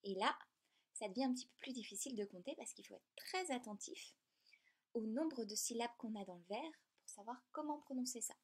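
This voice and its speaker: A woman teaching a lesson in a clear, patient, step-by-step way. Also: fairly high pitch, brisk. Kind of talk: explanatory lesson.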